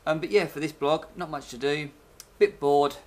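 A young adult video blogger rambles casually at normal speed in a voice that's a little high. He's recording in a small indoor bedroom with a webcam mic at his desk, about arm's length away.

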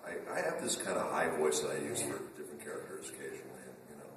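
At a casual convention Q&A in a large function room, a male voice actor answers fan questions with a rumbling low, expressive voice, talking very fast. He's a chatty, joking storyteller who restarts often. His table mic is heard from a far camera, so the hall sounds echoey and distant, with a little hiss or hum.

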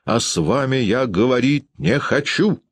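A man voicing a volatile middle-aged father who shouts and rants in an audiobook reading. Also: mid-range voice, expressive, unhurried, breathy edge, no echo, voice pushed up. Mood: ranting. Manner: shouting, indignant, blustering.

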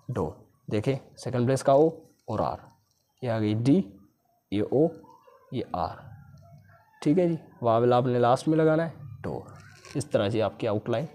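A man's voice: medium pitch, warm tone. A man teaching a shorthand lesson patiently, repeating key points and asking his students questions. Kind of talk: recorded lecture.

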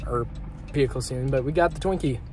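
A man's voice: mid-range voice, fast talker, darkish tone. A man chatting casually into a handheld phone camera while vlogging in a car and outside, offhand with lots of fillers. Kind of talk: casual vlog chat. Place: car and outdoors. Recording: phone recording with car and street noise.

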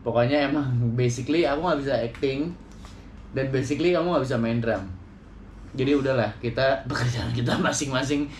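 A man's voice: mid-range voice, fairly quick, roomy sound, a little hiss or hum. A man hosting a casual, joking chat with his wife about drumming challenges. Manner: joking, relaxed, teasing. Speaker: channel host, drummer.

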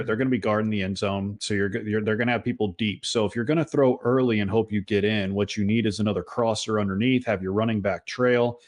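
A man co-hosting a casual sports podcast, giving analysis with a wry, joking edge. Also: fairly low pitch. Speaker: co-host.

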